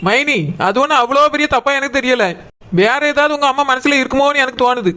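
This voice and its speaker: A high, bright, smooth voice rattles along fast as a sly cartoon aunt, put on by a man. She wheedles and meddles and always has an excuse ready. The delivery is quick and crisp. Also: fairly even intonation. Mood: wheedling. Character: sly meddling woman, gossipy sister-in-law. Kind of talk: cartoon voice acting.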